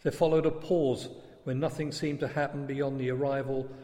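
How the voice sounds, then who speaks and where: Man, story narrator, measured reading, medium pitch, long reverb. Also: flat delivery, dark tone.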